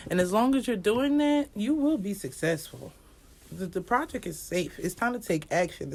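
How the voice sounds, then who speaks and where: A woman giving a casual astrology reading as an oracle card reader, rambling and repetitive, speaking straight to viewers and swearing now and then. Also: medium pitch.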